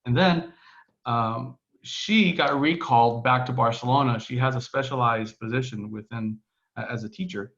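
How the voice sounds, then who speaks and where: Lo-fi sound carries a medium-pitched, moderately paced, somewhat bright male voice with a Texan accent. He's from Texas, United States, and joins a casual podcast interview by remote call from home in Barcelona, recounting his story loosely with many restarts and filler words.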